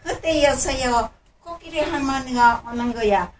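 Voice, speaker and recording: Elderly woman, grandma storyteller for children's tales. Unhurried delivery, recorded at a distance with faint background noise. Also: sits high, reverberant. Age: 80s. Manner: acts out animal dialogue and sound words. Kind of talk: oral fairy-tale storytelling for children.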